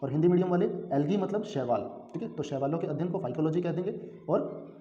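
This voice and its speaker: Fast and warm, a slightly high male voice leads an exam-prep class, repeatedly asking and then answering his own questions and dropping frequent "theek hai" check-ins for his students. The sound is dull and lo-fi, with room echo.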